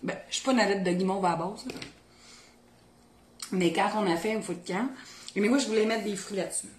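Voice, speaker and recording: A woman's voice: medium pitch, fairly quick, echoey room. A woman with a Québécois accent from the Beauce region, hosting a casual cooking video and chatting colloquially as she works in her home kitchen. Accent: Beauce Québécois French. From Beauce, Quebec. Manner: chatty, thinks aloud while working, colloquial Québécois speech. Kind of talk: casual cooking demo chat.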